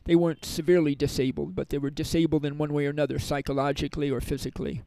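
A middle-aged man telling long, rambling stories about teaching in prisons. His voice is gravelly and sits a little high, and he keeps restarting his sentences. The recording is dry and close, with no room echo. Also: level tone, racing, dark tone. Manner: rambling, with many restarts and fillers. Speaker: prison yoga and meditation teacher. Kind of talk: conversational storytelling interview.

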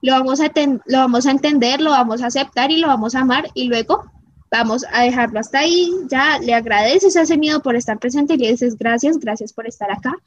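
Woman, motivational vlogger, high voice, emphatic, keeps checking in with the audience; muffled, dry recording. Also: fairly quick, no room sound. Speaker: motivational speaker. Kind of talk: motivational talk to viewers.

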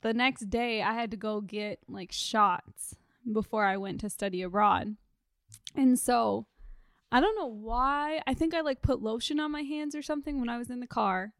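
A woman's voice: on the high side, moderate pace, dry recording, clean studio sound. A young woman in her twenties chatting casually as co-host, telling a personal story with many fillers. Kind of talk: casual chat.

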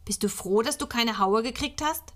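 A woman's voice: a little high, normal speed, a bit bright, lightly acted. A woman reading a storybook aloud, voicing a cheeky, eager little boy with earnest, childlike questions.

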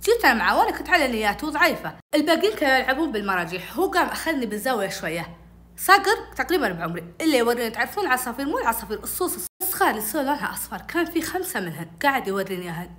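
A woman telling a childhood story in casual storytelling, animated and acting out each voice. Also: a little high, very fast. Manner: animated, acts out every voice.

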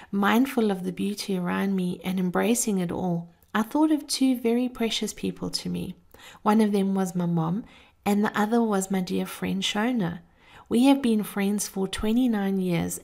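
A woman with a mid-pitched voice and noticeable vocal fry hosts a reflective, personal monologue. She tells her stories expressively and without hurry, speaking straight to the listener as she offers encouragement. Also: darkish tone. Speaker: host of a daily encouragement podcast.

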